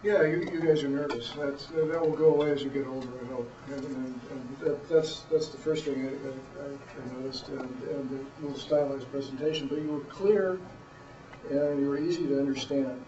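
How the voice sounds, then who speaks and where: A middle-aged man giving blunt, plain-spoken, halting feedback as a judge of a student presentation. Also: mid-range voice, fairly even intonation. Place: room, far from the microphone. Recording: roomy, dull, distant microphone.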